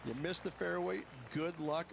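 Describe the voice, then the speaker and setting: Emphatic male golf commentator, descriptive game broadcast analysis, lightly raised pitch, clear outdoor noise. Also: steady tone, normal speed. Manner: descriptive, emphatic about difficulty.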